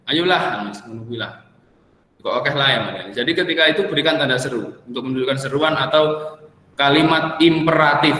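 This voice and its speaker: A man's voice: medium pitch, bright, forceful tone. A young man tutoring for an exam in a chatty, joking way, dropping asides. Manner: chatty, jokey, with Javanese asides. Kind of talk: casual exam-prep lesson. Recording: echoey room with long reverb.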